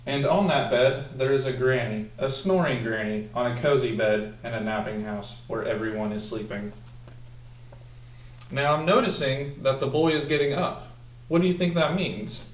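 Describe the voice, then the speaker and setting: In a small indoor room, a young adult student teacher sits at a table practicing a picture-book read-aloud in a mid-range voice. He is deliberate and instructional, stretching out the text and asking questions of young listeners. A camera mic a few feet away picks up a roomy echo.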